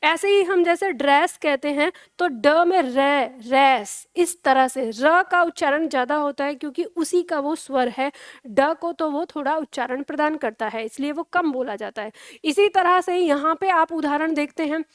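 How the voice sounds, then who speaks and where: A woman teaching a Hindi grammar lesson, patient and deliberate, often stopping to check that students follow. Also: high voice, dry recording, studio quality. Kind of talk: classroom grammar explanation.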